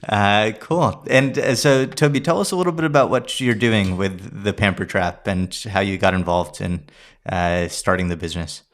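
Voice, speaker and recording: A man's voice: on the low side, moderate pace, a bit bright. A man co-hosting an interview over a video call, asking questions hesitantly with many fillers. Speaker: co-host. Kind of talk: casual interview.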